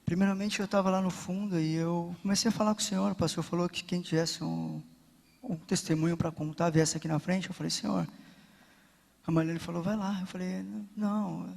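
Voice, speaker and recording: A man's voice: sits high, flat delivery, brisk, gravelly. A man telling a personal testimony before a church congregation, earnest and intimate, growing fervent as he goes. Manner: earnest storytelling, quietly intimate at first, then building with fervor. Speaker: church member giving a testimony. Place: church sanctuary. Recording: echoey church hall.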